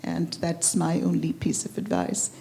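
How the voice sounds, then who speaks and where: A woman giving a personal reflective talk at a retreat, speaking earnestly and haltingly. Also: fairly low pitch, fairly even intonation, creaky, mellow. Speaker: retreat participant sharing.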